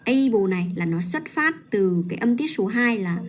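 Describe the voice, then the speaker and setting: A woman teaching pronunciation on a livestream, patiently modeling and repeating each word slowly. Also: medium pitch, lively intonation. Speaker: English teacher.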